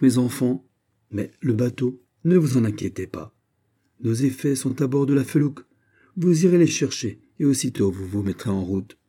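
A man's voice: medium pitch, dark tone, close to an everyday voice. A man voicing a loyal veteran musketeer captain in an audiobook, speaking in a respectful, soldierly way. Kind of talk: audiobook character reading.

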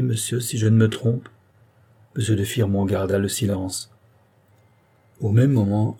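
A man narrates a classic novel in a measured, dramatic reading. His voice is low-pitched and dark. It has a slightly husky edge. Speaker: audiobook reader. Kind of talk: scripted literary narration.

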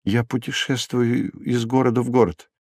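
A man reading an audiobook and voicing a frightened young male prisoner who answers hoarsely and in haste. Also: mid-range voice, steady tone, normal speed, darkish tone, no room sound, clean studio sound, lightly acted. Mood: anxious. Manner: hasty, eager to please.

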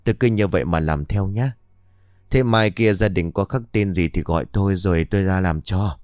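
A man voicing a plain-spoken village builder who reassures calmly in an audio ghost story. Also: low voice, normal speed, no echo, studio quality, lightly acted. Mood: reassuring. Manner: reassuring, matter-of-fact.

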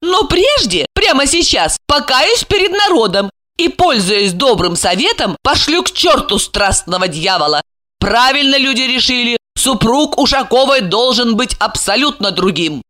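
Woman playing a high, shrill, storybook diva, scornful and exclaiming, all peaks and swoops. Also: very animated, moderate pace, bright, forceful tone. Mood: resolute. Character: indignant, theatrical woman celebrity, quick to tears.

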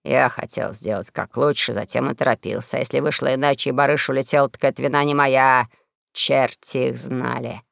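A woman voicing a gruff, scheming old con man who poses as a king, speaking in a low menacing growl. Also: moderate pace, no room sound, clean studio sound. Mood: snarling.

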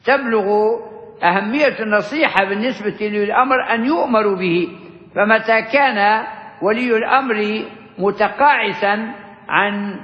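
A man teaching as a sheikh, explaining a classical religious text in a measured lesson that stops to gloss words. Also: high-pitched. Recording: echoey hall, dull lo-fi sound.

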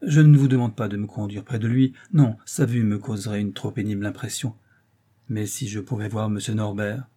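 A portly, ambitious count presses for news in an urgent, anxious voice. A man reads him aloud, with a husky, mellow tone. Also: fairly low pitch, steady tone, fairly quick, close to an everyday voice. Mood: solemn.

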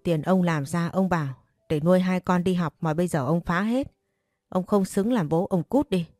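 A woman voicing a furious, wailing middle-aged mother who scolds and curses in a shrill way, read as an audiobook story. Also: moderate pace, darkish tone, no echo, clean studio sound, soft background music, close to an everyday voice. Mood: scolding.

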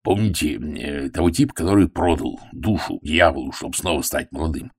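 A man's voice: a bass voice, lively intonation, moderate pace, breathy edge, full character voice. A man voicing a taciturn middle-aged big game hunter who speaks bluntly and awkwardly.

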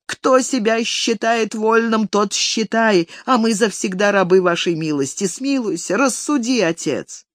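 A reader voicing an old male village elder who grovels and pleads with his master, raising the voice high and thin. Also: a little slow, few pauses, no echo, clean studio sound, close to an everyday voice. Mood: pleading. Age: older. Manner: wheedling, tearful pleading. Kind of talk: audiobook character reading.

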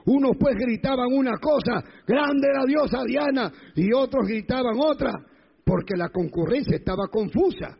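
A man's voice: sits high, vocal fry, slightly rough, long reverb tail, muffled recording. A male pastor preaching a sermon, retelling scripture and acting out the crowds, often questioning his congregation.

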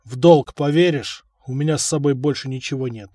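Brash young warlord, calm and blunt, voiced by a male narrator. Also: medium pitch, a little fast, no echo, clean studio sound, lightly acted.

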